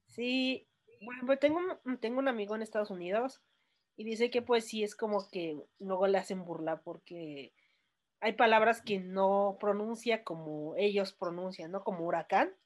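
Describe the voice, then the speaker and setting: A woman's voice: mid-range voice, moderate pace. Mexican woman hosting a casual podcast. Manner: relaxed, storytelling with jokes. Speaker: podcast host.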